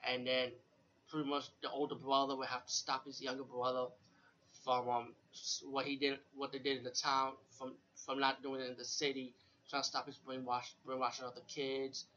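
A man's voice: mid-range voice, monotone, normal speed, sharp tone, a little hiss or hum. A man giving a casual, rambling, unscripted video review as host, informal and repetitive, with some swearing. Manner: informal, profane, repeats himself and often adds "you know". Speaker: host of a horror film retrospective review. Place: room with a fan or air conditioning running. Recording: dull lo-fi, air conditioner fan running nearby.

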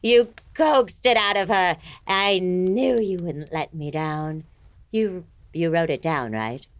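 An actress with a lowish female voice plays a villainous empress in a comedic fantasy audio drama, imperious and easily exasperated. Her performance is haughty, theatrical, mercurial and excited, delivered slowly with no room sound.

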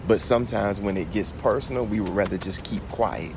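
Deep-voiced man podcasting over traffic noise. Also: fairly quick. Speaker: guest podcast host. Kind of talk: conversational, faith-based podcast talk. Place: outdoors on location, traffic behind. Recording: outdoor location with clear traffic noise.

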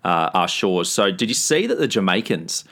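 Aussie guy, low pitched, laconic and blokey, sweary sports chat. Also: sing-song, normal speed, a bit bright. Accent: Australian. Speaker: sports talk show co-host. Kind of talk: casual sports banter.

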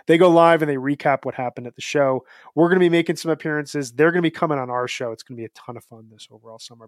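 A man's voice: mid-range voice, dry recording, clean studio sound. A man in his thirties co-hosting a podcast, chatting in an upbeat, rambling, jokey way. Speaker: podcast co-host. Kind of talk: casual podcast chat.

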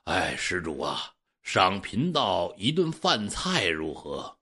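A man's voice: sits low, wildly swooping pitch, bright, forceful tone, slightly rough, voice pushed down, full character voice. Man playing a solemn old Taoist priest. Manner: slow, solemn speech. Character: old male Taoist priest, calm and knowing.

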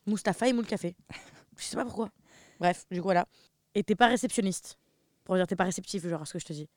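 A woman's voice: on the low side, fast talker, no echo, studio quality. A young woman, co-hosting a jokey casual chat. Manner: jokey, bursts into loud laughing exclaims. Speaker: co-host.

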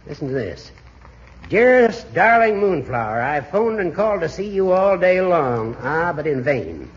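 An actor playing a crotchety, smug American judge who schemes as a spoilsport, in a 1940s radio comedy. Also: male voice, a little high, sing-song, a little slow. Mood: gleeful scheming. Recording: muffled, hissy 1940s radio recording.

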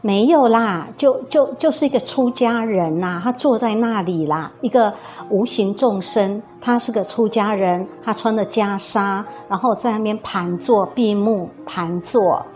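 A woman quoting an evasive, hushing father. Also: medium pitch, a little slow, soft background music, natural voice. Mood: placating. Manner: placating, dismissive.

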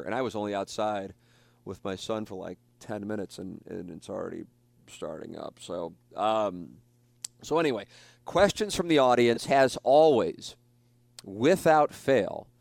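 A man's voice: lowish voice, creaky, a little mellow, no room sound. A man hosting a talk show, chatting casually and rambling, with many restarts and fillers. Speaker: radio show host.

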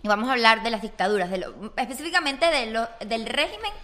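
Podcast co-host, woman, lively, high and bright. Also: fast talker. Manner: animated, laughs easily. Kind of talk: casual podcast chat.

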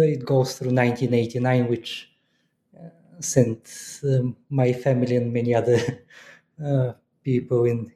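Bulgarian-born professor talking slow and thoughtful, dark mellow voice, roomy echo. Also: male voice, medium pitch. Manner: thoughtful, hesitant, many fillers. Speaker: guest professor. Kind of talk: academic interview.

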